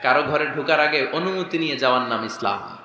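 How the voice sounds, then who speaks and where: A man preacher giving a sermon, firing rhetorical questions at the crowd and acting out short dialogues. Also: mid-range voice. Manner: acts out dialogues in quick voices. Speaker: Islamic preacher. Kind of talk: Bengali waz sermon with sung recitation. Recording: echoey hall with faint noise.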